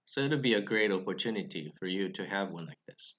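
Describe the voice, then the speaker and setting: This Bible study host is a young non-native English speaker with a deep, expressive voice that has a slight brightness. Speaking to camera from a script, he explains how to read Greek scripture, measured and careful, with the odd restart.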